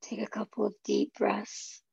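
A woman leading a guided relaxation in a soft, husky, breathy voice that nears a whisper, soothing and gently instructive. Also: mid-range voice, monotone, measured pace, no room sound, muffled recording. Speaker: guided meditation leader.

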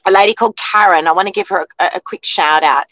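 A woman in her forties with an Australian accent, a real estate co-host chatting warmly and emotionally with lots of fillers, filmed in a car. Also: lowish voice, quick pace, rough recording. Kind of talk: casual chat. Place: in a parked car.

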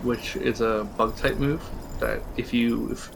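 A man's voice: medium pitch, fairly even intonation, measured pace, gravelly, a little hiss or hum. A man co-hosting a podcast in casual chat, explaining game strategy at length and chuckling often. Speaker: podcast co-host.

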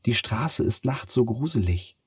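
A man's voice: mid-range voice, expressive, unhurried, a little mellow, husky, no echo, studio quality, voice pushed up. A man voicing a sleepless, stubborn young girl in a bedtime story, asking doubtful questions.

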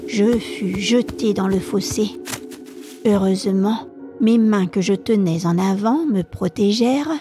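A woman storyteller reading a classic novel aloud for a podcast in a calm, measured way. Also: mid-range voice, music in the background.

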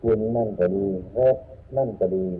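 Isan guy doing a buddhist dharma talk, lots of hmms, lo-fi tinny audio w/ faint hiss. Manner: unhurried, repetitive teaching with frequent hums. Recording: tinny phone-like lo-fi sound with faint noise.

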